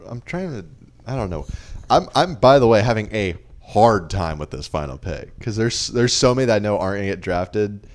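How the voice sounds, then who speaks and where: A man's voice: lowish voice, expressive, normal speed, few pauses. A young man co-hosting a podcast in casual chat, with dry, teasing banter. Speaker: podcast co-host.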